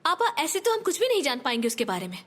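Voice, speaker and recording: A woman's voice: high-pitched, wildly swooping pitch, fast. A woman dubbing a fearful young woman who is terrified of germs and refuses to leave the house, talking in a pleading, anxious way. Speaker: younger sister. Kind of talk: dubbed TV drama.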